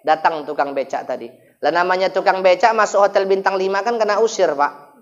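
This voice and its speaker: A male preacher with a lilt delivers a humorous sermon at a mosque gathering. He keeps the telling lively and animated, turning to the men in the hall again and again. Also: sits high, a little fast, muffled recording. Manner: lively, animated, often addresses listeners as "Pak". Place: mosque gathering after dawn prayer.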